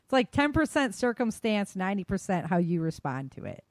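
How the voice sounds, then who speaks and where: Very animated and fairly quick, this woman hosts a casual talk podcast in a medium-pitched, darkish voice, explaining advice emphatically and colloquially while frequently asking "right?". There's no room sound.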